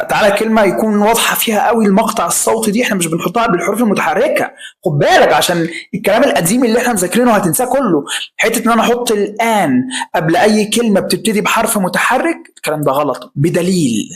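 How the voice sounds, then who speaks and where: Egyptian Arabic-accented male grammar teacher; emphatic, rhetorical questions, drawn-out examples. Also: high-pitched, low-quality recording. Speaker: English teacher. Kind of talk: grammar lesson.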